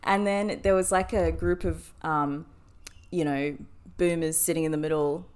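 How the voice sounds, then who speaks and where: A woman's voice: deep voice, normal speed, clean tone. A woman co-hosting a podcast, telling an anecdote in casual chat and acting out what people said. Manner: animated, acts out quotes. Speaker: podcast co-host.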